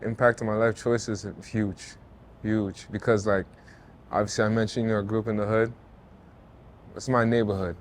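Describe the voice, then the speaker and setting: He's a man in his thirties, Jamaican-born and Toronto-raised, a former football player and artist appearing as an interview guest. His voice sits at a middling pitch, and his manner is laid-back, earnest and conversational, with frequent "you know" and "like" and a few restarts in reflective, casual talk.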